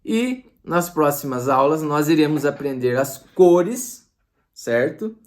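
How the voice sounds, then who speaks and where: Slow, chatty teacher. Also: male voice, fairly high pitch, expressive. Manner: slow, drawn-out word drills, chatty asides. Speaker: English teacher. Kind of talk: casual online lesson.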